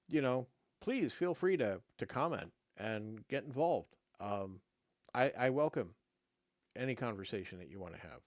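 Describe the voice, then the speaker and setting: Reading a game rulebook aloud on his own show, a middle-aged man with a mid-range voice drops casual asides while his voice dries out and fades. His delivery is halting, broken by fillers and false starts between passages. He has a dry throat and is losing his voice; the audio has no room sound.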